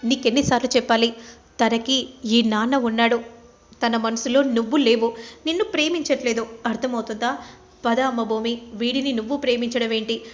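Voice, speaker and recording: A woman's voice: a little high, steady tone, moderate pace, faint music behind, lightly acted. A woman voicing an angry, protective middle-aged father who scolds harshly, in a retold serial story. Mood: scolding. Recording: dull lo-fi recording.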